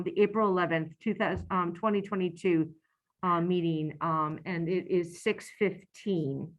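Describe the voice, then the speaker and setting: A woman chairs a board meeting over a computer mic on a video call. Her voice sits in a middle pitch. She stops and restarts often, filling the gaps with ums. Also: fairly bright tone, rough recording. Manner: halting, with many ums and self-corrections.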